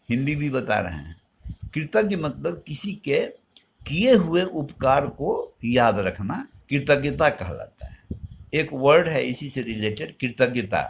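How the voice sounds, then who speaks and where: A male teacher with an Indian English accent, explaining grammar slowly and answering his own questions. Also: medium pitch, vocal fry, a little hiss or hum. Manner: slow, explanatory, asks questions and answers them himself. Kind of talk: recorded grammar lesson.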